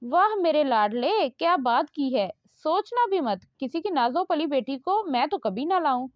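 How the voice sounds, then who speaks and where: A woman's voice: sits high, big pitch swings, a little slow, no echo. A woman voicing a nagging, scolding but loving middle-aged mother. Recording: dull lo-fi dry recording.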